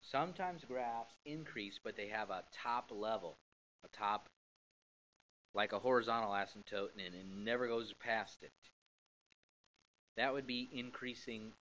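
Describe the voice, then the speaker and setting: A male math teacher recording his lecture notes, animated and repeating phrases for emphasis while tired and yawning. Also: fairly low pitch, measured pace, long pauses, a little hiss or hum. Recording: dull lo-fi classroom recording.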